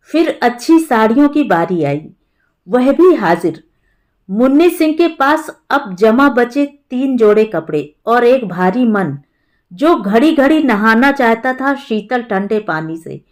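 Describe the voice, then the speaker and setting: A woman narrating a Hindi short story in a calm, measured storytelling manner, lightly voicing the characters. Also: a little high.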